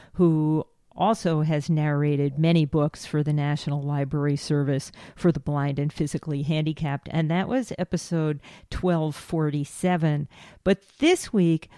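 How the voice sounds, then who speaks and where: A woman host reading a scripted show introduction in a clear, measured way. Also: low-pitched, mellow, no echo, clean studio sound. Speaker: podcast host.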